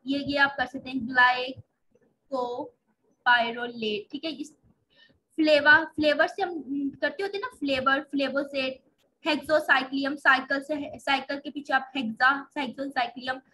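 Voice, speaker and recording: A woman's voice: high voice, steady tone, moderate pace, bright, forceful tone, poor audio. A woman giving a pharmacology lecture to medical students, explaining patiently step by step and often restarting over hard drug names.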